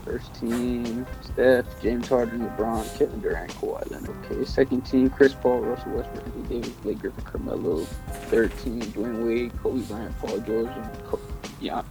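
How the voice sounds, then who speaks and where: A man's voice: mid-range voice, steady tone, normal speed, over music, rough recording. A man guesting on a podcast, giving brief, laid-back replies in casual sports chat.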